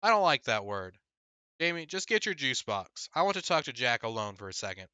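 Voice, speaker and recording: A man's voice: medium pitch, very animated, fairly quick, bright, forceful tone, clean tone, no echo, voice pushed up. A man voicing a stern but caring, earnest mother of two boys in a storybook. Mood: angry, scolding. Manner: scolding, earnest.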